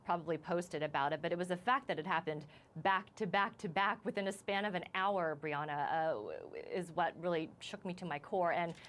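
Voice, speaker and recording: A woman reporter on a live news interview, shaken and halting as she recounts what happened, restarting her sentences often. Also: fairly low pitch, a bit bright.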